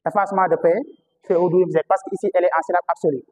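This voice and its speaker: A male teacher with a Senegalese French accent lectures a class in a fairly high voice. He repeats key terms and puts questions to the students. The sound carries a long reverb. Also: fairly even intonation, very fast. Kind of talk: classroom lecture on historical phonetics.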